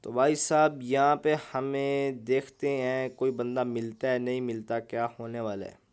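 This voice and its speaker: This young gaming YouTuber has a clear, resonant, mid-range voice that barely moves in pitch and runs a little slow. He narrates mobile gameplay in a casual, joking, chatty way, frequently saying "bhai sahab."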